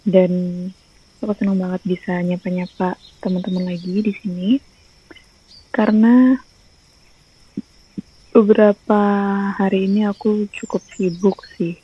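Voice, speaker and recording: A woman's voice: mid-range voice, steady tone, unhurried, long pauses, husky, muffled recording. A young woman, a teacher and YouTuber, chatting casually in a rambling vlog with lots of fillers, recorded on a phone. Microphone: phone rear camera.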